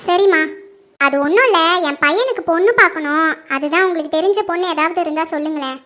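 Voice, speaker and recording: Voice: very high-pitched, fast. A performer doing a gracious wealthy mother. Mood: gracious, calm. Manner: calm, gracious and reassuring. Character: wealthy, kind middle-aged mother seeking a bride. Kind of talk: home-made Tamil family skit acting.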